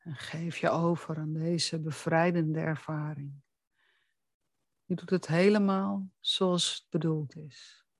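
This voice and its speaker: A soothing, deliberate voice guiding the listener through a relaxing hypnosis, speaking closely and intimately, right in the ear. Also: medium pitch, no room sound. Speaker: hypnotherapy guide. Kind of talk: guided hypnosis relaxation narration.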